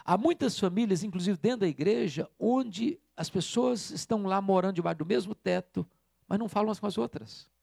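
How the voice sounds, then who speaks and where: A man's voice: sits high, a little fast, gravelly, darkish tone, dry recording, studio quality. A man preaching a sermon as pastor, emphatic and repeating key phrases for weight.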